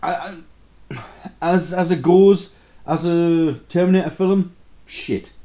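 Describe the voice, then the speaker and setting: A man's voice: on the high side, fairly even intonation, slow, mellow. A man chatting casually and crudely as he co-hosts a film review, blunt and full of swearing. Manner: talking while drinking beer and eating pizza.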